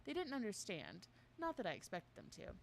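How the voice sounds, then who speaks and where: A woman's voice: medium pitch, huge pitch swings, brisk, gravelly, slight background noise. A woman reading an in-game journal aloud in a mock-formal way during a casual game stream with a friend. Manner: reads text aloud with mock-formal delivery, breaks into laughs and chat. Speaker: co-host playing a game.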